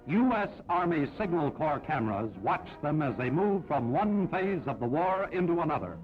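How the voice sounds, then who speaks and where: A man narrating an old 1940s newsreel in a brisk, upbeat announcer style. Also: a little high, sing-song. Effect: old newsreel sound. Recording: dull lo-fi 1940s film audio with music.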